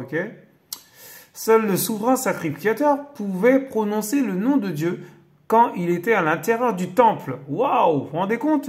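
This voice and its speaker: A man hosting a casual Bible teaching video, reading a text aloud and breaking off with amazed exclamations and hesitant asides. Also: high voice. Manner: hesitant, many fillers when explaining.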